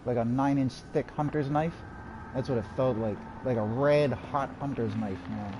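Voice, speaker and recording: A man's voice: medium pitch, normal speed, background noise. Man muttering through a game stream. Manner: muttering to himself, rambling anecdotes. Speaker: gaming streamer. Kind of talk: live gameplay commentary.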